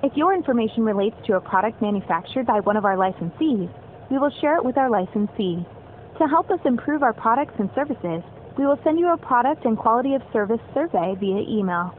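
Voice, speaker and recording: A woman's recorded phone menu message, a polite, measured scripted announcement for a customer service line. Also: a little high, expressive. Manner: polite, measured, evenly paced. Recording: tinny phone line with faint hiss.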